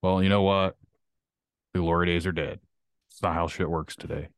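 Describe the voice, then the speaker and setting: A man's voice: deep voice, steady tone, moderate pace, dry recording, studio quality. A man hosting a podcast, ranting bluntly with heavy swearing in casual chat. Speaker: podcast host.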